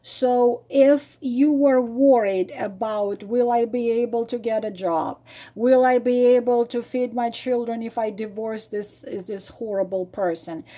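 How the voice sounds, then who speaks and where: Losing her voice, this psychic and tarot reader talks slowly in a husky, fairly high register. Her unscripted reading to viewers is emphatic and full of repeated phrases, with occasional slips into a breathy, hushed near-whisper.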